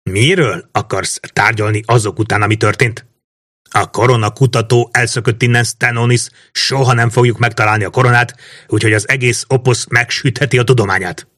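A man's voice: medium pitch, steady tone, a bit bright, no room sound, clean studio sound, close to an everyday voice. A man voicing a proud, hot-tempered noble lord who speaks in a scornful, abrupt way in an audiobook. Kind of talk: audiobook reading.

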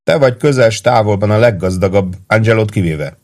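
A man's voice: fairly low pitch, animated, darkish tone, pitched above the performer's own voice. A man playing a mocking young soldier. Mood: teasing. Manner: mocking, teasing. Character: bitter, teasing young male soldier.

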